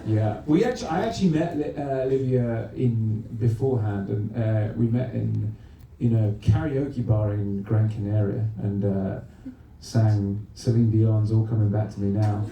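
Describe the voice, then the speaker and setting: Mellow young man on a distant mic. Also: on the low side, normal speed, few pauses, a little hiss or hum. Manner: relaxed, rambling with fillers, joking. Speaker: actor guest. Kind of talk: casual panel conversation. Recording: echoey venue, mic at a distance.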